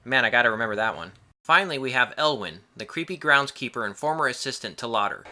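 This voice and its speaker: A man's voice: mid-range voice, animated, fast, sharp tone, slight background noise. A man reading a scripted film review in a casual way, with wry, joking asides.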